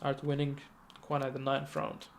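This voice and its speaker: A man casting a live esports match, giving quick play-by-play with chatty asides and self-corrections. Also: mid-range voice, gravelly, slight background noise. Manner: rapid, self-correcting, chatty asides, sudden excited outbursts. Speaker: esports caster.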